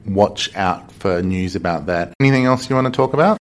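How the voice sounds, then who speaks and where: A man co-hosts a local podcast, relaxed as he asks questions and adds brief comments. His voice is very deep. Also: a little fast. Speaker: podcast co-host. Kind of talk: casual chat.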